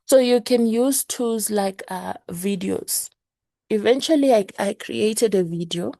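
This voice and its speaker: A woman with a hoarse morning voice giving an earnest motivational class to her team, repeating her key points. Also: medium pitch, unhurried, dark tone, dry recording. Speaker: network marketing leader teaching a class. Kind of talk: motivational teaching talk.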